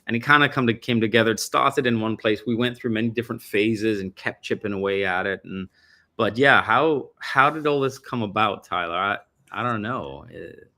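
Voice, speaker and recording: A man's voice: on the low side, moderate pace, bright, forceful tone. A middle-aged man from Denmark, a musician guest chatting casually in an interview, rambling and correcting himself as he goes. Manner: rambling, self-correcting storyteller.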